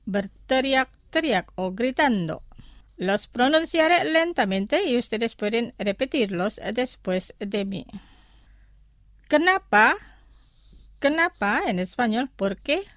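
A woman teaching vocabulary in a scripted radio lesson, pronouncing each word slowly and repeating it carefully. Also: fairly high pitch, fairly bright tone, no room sound, clean studio sound. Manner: slow, careful pronunciation with repetitions. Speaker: language teacher.

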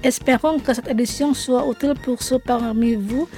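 A woman presenting a scripted radio language lesson, saying each phrase slowly twice and then translating it. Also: on the high side, steady tone, warm tone, soft background music.

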